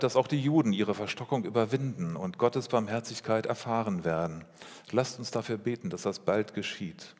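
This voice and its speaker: A man preaching a sermon as pastor, speaking in a measured way with rhetorical questions and repeated phrases. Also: on the low side. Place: church. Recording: long reverb of a church hall.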